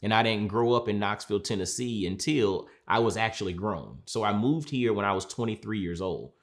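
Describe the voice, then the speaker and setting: Earnest low-voiced man coach. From Georgia, USA. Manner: earnest, measured, repeats phrases for emphasis. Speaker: mindset coach. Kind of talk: reflective sit-down talk.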